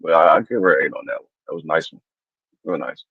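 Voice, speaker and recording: Fast-talking man on a dull lo-fi line. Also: a bass voice, lively intonation, slightly rough, no echo. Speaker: panelist rating songs. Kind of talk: casual chat.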